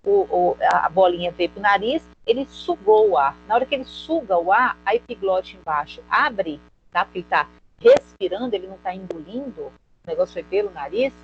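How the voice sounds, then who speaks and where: A woman's voice: mid-range voice, animated, fairly quick, lo-fi sound, faint music behind. A woman with a Brazilian Portuguese accent giving a recorded anatomy lesson, often asking her audience a question and then answering it herself. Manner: explanatory, asks questions and answers them, often adds "tá?". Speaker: teacher.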